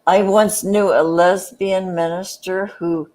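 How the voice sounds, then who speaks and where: A woman telling stories in a relaxed group chat. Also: fairly low pitch, slow pace.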